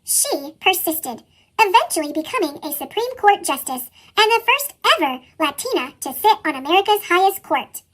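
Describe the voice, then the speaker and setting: A storybook reader whose voice has been sped up and pitched up into a chipmunk voice, reading a children's picture book aloud in a steady, earnest way. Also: normal speed.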